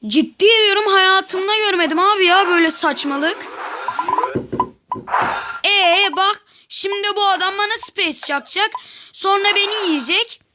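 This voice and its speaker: A woman giving casual game commentary to viewers, excitable and yelling at the game in frustration. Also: very high voice. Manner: talks to viewers directly. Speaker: gameplay commentator. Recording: noisy background with mouse clicks.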